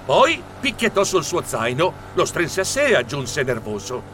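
A man narrates a children's story with theatrical flair. His voice is bright and lively, swinging widely in pitch, and sits a little high for a man. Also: moderate pace, slight background noise. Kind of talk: expressive audiobook narration.

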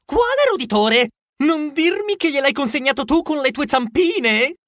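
A man voicing an excitable young male mouse, his cousin Trappola, in a high shrill exclaiming voice for an audiobook. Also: moderate pace, no echo, clean studio sound, exaggerated voice. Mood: excited. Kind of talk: audiobook character voice.

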